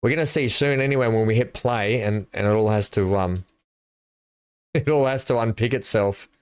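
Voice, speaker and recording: A man's voice: fairly low pitch, normal speed, clean tone, no echo. A middle-aged man, chatting and thinking aloud while he streams a building game live. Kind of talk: live gameplay commentary.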